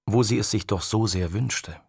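Gravelly male audiobook narrator. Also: on the low side, moderate pace, dry recording, clean studio sound. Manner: calm, even, storytelling. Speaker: audiobook reader. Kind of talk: scripted narration.

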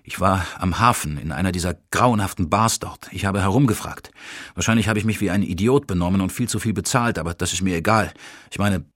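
A man's voice: low voice, brisk, a bit bright, no echo, clean studio sound. Man voicing a grim, desperate father. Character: desperate overweight middle-aged father, grim.

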